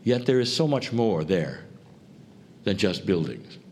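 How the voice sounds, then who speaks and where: Measured, solemn man giving a spiritual talk. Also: on the low side, big pitch swings, darkish tone. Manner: measured, deliberate, solemn phrasing. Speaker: channeler addressing a group. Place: live before a group. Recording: faint background noise.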